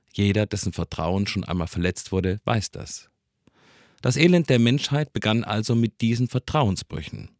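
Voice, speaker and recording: A man giving a calm, reflective Christmas sermon. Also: on the low side, dry recording, studio quality. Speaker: preacher.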